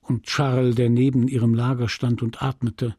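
A man reading a classic novel as an audiobook in a measured, dramatic, often hushed way, on a close studio mic. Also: medium pitch, little pitch movement, husky, no echo. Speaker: audiobook narrator.

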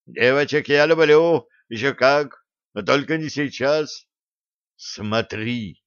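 A man's voice: mid-range voice, takes it slowly, fairly bright tone, clean tone, no echo. A man doing a jittery young soldier. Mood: anxious. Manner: plaintive and uneasy. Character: nervous young male soldier, anxious. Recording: dry, slightly dull recording.

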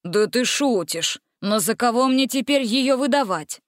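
A blustering old king speaks in a bluff, measured way, as a woman reading the tale puts him on. The voice is slightly lower and slower than her narration. The sound is dry and close. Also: steady tone, no echo, natural voice. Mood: astonished. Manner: bluff, startled.

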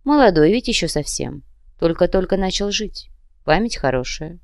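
A woman's voice: fairly low pitch, expressive, normal speed, a little mellow, no room sound, clean studio sound. A woman voicing a polite but menacing male demon commissar who threatens in a cold, courteous way. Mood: cold menace. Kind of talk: audiobook character reading.

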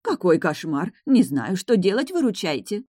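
A woman's voice: medium pitch, big pitch swings, normal speed, a little mellow, breathy edge, no room sound, clean studio sound. A woman reading an audiobook, voicing a flustered, coquettish older female manager in a raised, gushing voice. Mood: flustered pleading.

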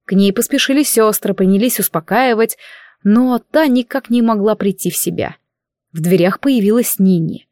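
A woman reading a fantasy novel aloud as an audiobook narrator in steady storytelling. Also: mid-range voice, normal speed, no echo, studio quality. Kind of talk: scripted narration.

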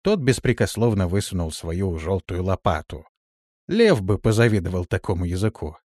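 Expressive male audiobook narrator. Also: sits low, moderate pace, no room sound, clean studio sound. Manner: expressive, varied delivery. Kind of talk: scripted fantasy audiobook narration.

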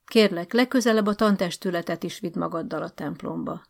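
A careful, formal school director , as a woman storyteller plays him who keeps everyone calm with polite, measured phrasing. The voice has a gravelly rasp. Told as an audiobook. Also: fairly low pitch. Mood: placating. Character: cautious middle-aged male school director.

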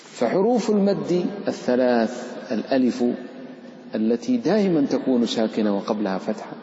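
The voice is a man's, medium in pitch and dark in tone, with big pitch swings at a normal speed. He's a sheikh instructing students in Quran recitation rules, talking conversationally, quizzing them, and giving each letter its own voice. There's a bit of hiss or hum in the dull, reverberant hall audio.

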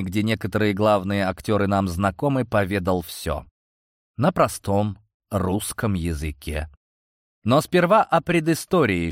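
A man narrating a science-fiction audiobook in first person, measured and steady. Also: on the low side, dry recording, studio quality.

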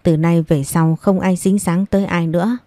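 A woman's voice: on the low side, steady tone, moderate pace, dark tone, no echo, lightly acted. A woman voicing a blunt middle-aged man who talks down to his older brother in a scolding way. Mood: dismissive. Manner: curt, scolding.

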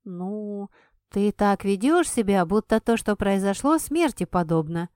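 A woman's voice: lively intonation, unhurried, darkish tone, no echo, studio quality, close to an everyday voice. A woman doing a stubborn young heroine. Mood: emphatic, stubborn. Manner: emphatic, higher and livelier than the narration. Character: impulsive, sharp-tongued young woman heroine. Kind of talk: audiobook character voicing.

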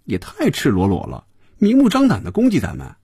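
A man's voice: on the high side, lively intonation, a little mellow, breathy edge, no room sound, clean studio sound, voice pushed up. A man voicing a playful young female office worker who teases her boss. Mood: teasing. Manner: teasing, quick, pouty.

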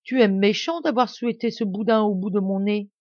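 A woman reading a fairy tale aloud, voicing an impulsive, quarrelsome poor peasant wife in a lively, excitable way. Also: medium pitch, fairly quick, dry recording, close to an everyday voice. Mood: distraught. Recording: dry, slightly dull home recording.

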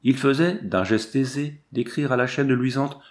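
A man reading a novel aloud in a measured, expressive way. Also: medium pitch. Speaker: audiobook reader. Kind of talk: scripted narration of a novel.

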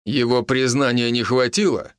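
A man voicing a calm, tough police major who speaks low, quiet and hoarse. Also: moderate pace, no echo, studio quality, close to an everyday voice. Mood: gruff.

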